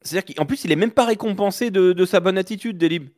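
A man's voice: high-pitched, quick pace, a little mellow, dry recording, clean studio sound. A man co-hosting a casual sports talk show, insistently repeating his points in a debate. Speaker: co-host.

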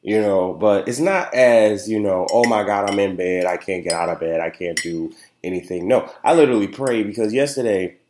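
A young man with a lowish, slightly mellow voice hosts a casual solo podcast at a moderate pace, with a little hiss or hum in the background. Nasal and congested, he rambles chattily with heavy fillers and keeps asking "you know what I'm saying." The room sound is roomy and echoey.

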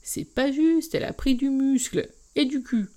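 A woman's voice: high-pitched, moderate pace, mellow, pitched above the performer's own voice, close to an everyday voice. A woman reading a romance aloud, voicing a cheeky, whiny teenage younger brother. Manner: whiny, insolent. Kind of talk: audiobook reading.

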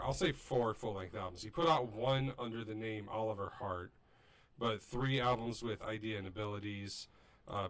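A man's voice: on the low side, fairly bright tone. A man co-hosting a podcast, explaining music casually in an enthusiastic, rambling way. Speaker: podcast co-host.

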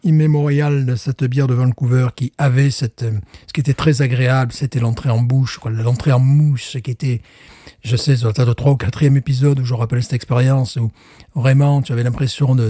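A man's voice: medium pitch, dark tone, dry recording, clean studio sound. A man co-hosting a beer tasting show in casual chat, rambling with fillers and restarts. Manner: rambling, many fillers and restarts, chuckles often.

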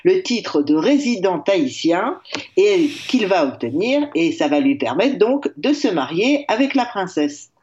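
A woman's voice: fairly low pitch, measured pace, highs cut off. Woman telling a history chronicle. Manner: lively storytelling with frequent hesitations. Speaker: history columnist. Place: remote line from abroad.

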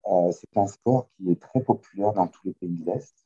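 A middle-aged French man, a kayak coach, speaks in a deep, mellow voice with a breathy edge at normal speed, his French accent lightly tinged by Quebec. He talks hesitantly with many fillers in a casual remote interview. The video call audio is muffled.

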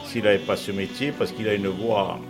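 Low-voiced radio co-host over music. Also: male voice, steady tone, normal speed, creaky. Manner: warm praise addressed to listeners. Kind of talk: chatty radio talk.

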